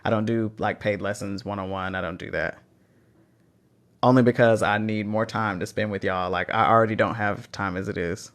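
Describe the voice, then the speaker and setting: Speaking with a fairly bright, lowish voice, a man from Texas runs a laid-back phone livestream. He reads out questions from the chat and encourages people learning languages, keeping a fairly even intonation and moderate pace.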